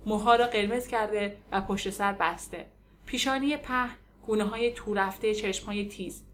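A woman narrating an audiobook in a measured, descriptive way. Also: medium pitch, slight background noise. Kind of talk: scripted narration.

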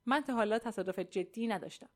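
A woman's voice: mid-range voice, lightly acted. A woman voicing a pushy, boastful male architect who talks in a glib, self-assured sales patter, in a storybook reading. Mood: confident, selling.

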